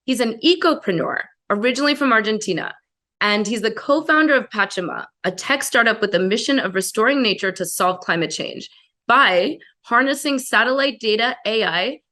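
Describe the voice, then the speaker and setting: Host, woman, higher bright voice, upbeat intro read. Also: expressive, brisk.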